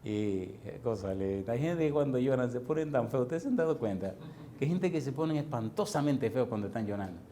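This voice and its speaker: A male pastor preaching a sermon, firing rapid questions at his congregation and slowing down to stretch key words for emphasis. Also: mid-range voice, animated, mellow. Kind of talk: preaching sermon with call-and-response. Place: church congregation.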